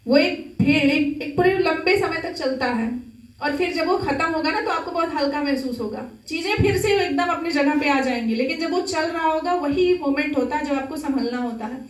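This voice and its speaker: High-voiced woman preaching in an echoey hall. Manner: earnest, exhorting, conversational. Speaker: spiritual speaker. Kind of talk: Sunday talk to a gathering. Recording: echoey hall, mic at a distance.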